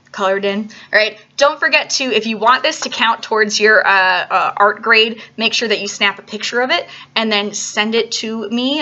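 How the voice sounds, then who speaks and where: A woman's voice: on the high side, sharp tone, dull audio. A woman teaching an art lesson to young children on video, upbeat and coaxing, often checking in with "all right?" between steps.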